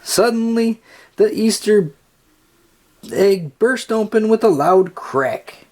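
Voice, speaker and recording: The voice sits in the mid range. It belongs to a storyteller reading a kids' book aloud in a careful, expressive way.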